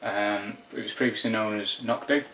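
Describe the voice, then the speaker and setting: A man giving a casual spoken whisky review, unhurried and descriptive with wry asides. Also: medium pitch, fairly even intonation, a little hiss or hum. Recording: roomy, distant, dull lo-fi sound.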